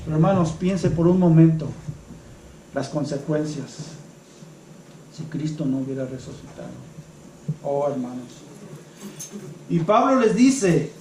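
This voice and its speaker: A male pastor preaching a sermon to his congregation, calling them brothers, swinging between loud and hushed and slowing down for emphasis. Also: extremely high pitch, echoey room, rough recording. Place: church.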